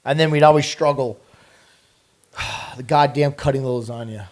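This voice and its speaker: A man's voice: medium pitch, normal speed. A man, the company owner, chatting on a casual podcast with short agreeing replies and jokes.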